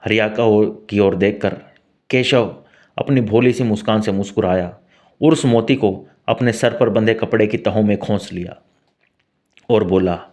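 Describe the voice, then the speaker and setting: Low-voiced male storyteller. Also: measured pace, a little mellow. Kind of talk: scripted story narration.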